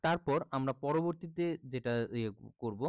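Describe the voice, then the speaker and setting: A male teacher talks through a lesson in a patient, unhurried way, pausing to sound out single letters. His voice sits at an ordinary pitch and is recorded close and dry, with almost no room sound. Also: clean tone, dry recording. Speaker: primary school teacher. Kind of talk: explaining a reading assessment on screen.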